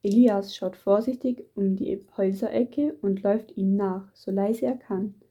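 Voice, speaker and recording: A woman reading a children's Bible story aloud in a gentle, measured storytelling manner. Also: medium pitch, steady tone, breathy edge. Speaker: story reader. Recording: dull muffled recording.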